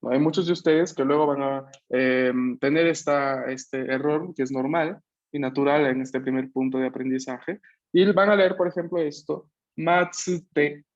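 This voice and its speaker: A man's voice: medium pitch, steady tone, normal speed. Patient male teacher on a video call. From Peru. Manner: patient, repeats and checks understanding. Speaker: language teacher. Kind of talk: online class explanation. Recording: slightly muffled video-call audio.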